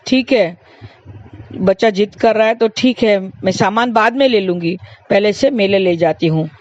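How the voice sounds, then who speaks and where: A woman voicing a gentle, poor mother who patiently refuses her son. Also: medium pitch, moderate pace, no echo, lo-fi sound, natural voice.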